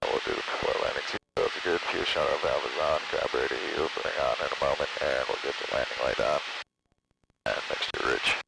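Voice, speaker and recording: A man talks like a pilot over the radio, in a low, gravelly voice. He rattles off clipped procedural calls with small hesitations, through a noisy cockpit headset in a small plane. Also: a little fast. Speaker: student pilot.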